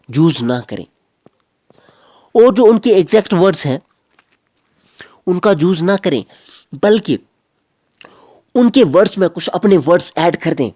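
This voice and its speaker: Male teacher, animated grammar lecture, close dry sound, repeats points to drive them home. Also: high voice, dry recording. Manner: explains step by step, repeating key phrases.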